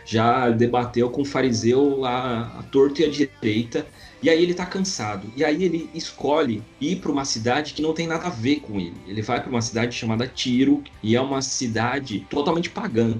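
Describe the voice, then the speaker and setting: A Brazilian man teaches a Bible passage in casual chat, talking to his co-host like a friend. His voice sits at a middle pitch. Faint music plays quietly behind him. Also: moderate pace, hardly any pauses. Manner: conversational, addresses partner as "cara". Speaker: Bible study podcast co-host.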